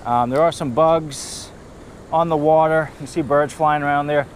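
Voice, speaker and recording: With a fairly high pitch, a steady tone and an unhurried delivery, a man with a New England accent gives upbeat play-by-play of his river fishing. He's a fishing vlogger doing casual outdoor narration to camera on a rocky riverbank. The head-mounted action camera captures faint river and wind noise.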